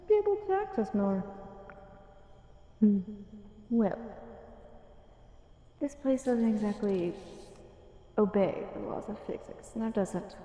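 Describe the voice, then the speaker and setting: A woman voices a gentle, courteous, eerie fae librarian, an ancient otherworldly being, in an intimate one-sided audio roleplay addressed to the listener. Her voice is dark yet on the high side, sounding helpful and amused, with added echo and long reverb.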